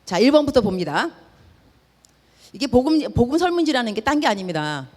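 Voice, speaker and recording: A woman's voice: a little high, brisk, in a large hall. A woman missionary telling stories in a sermon, acting out the dialogue and dropping in English words. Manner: lively, acts out dialogue, drops in English words. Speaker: missionary preacher. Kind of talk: storytelling sermon.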